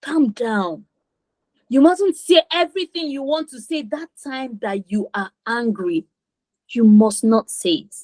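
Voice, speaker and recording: Woman, teen confidence coach, higher voice, emphatic and repetitive, dry sound. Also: expressive, measured pace, darkish tone, dry recording. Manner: repeats for emphasis, acts out kids' voices. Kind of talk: online class teaching.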